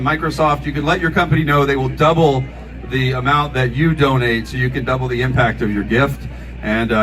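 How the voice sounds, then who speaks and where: A man's voice: high-pitched, far from the mic. A man hosting a charity event from a stage, making announcements partly from a script and partly off the cuff. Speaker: event host at a charity fundraiser. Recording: outdoor PA from afar, noisy crowd, traffic.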